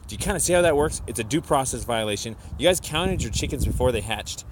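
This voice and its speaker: A man leaves a voicemail complaint, pressing his argument insistently but haltingly and often repeating himself. His voice sits at a medium pitch, with a little hiss or hum on the recording.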